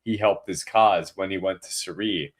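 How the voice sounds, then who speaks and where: A man's voice: deep voice, moderate pace, husky. A man hosting a podcast, chatting casually and playfully with joking asides. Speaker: podcast host.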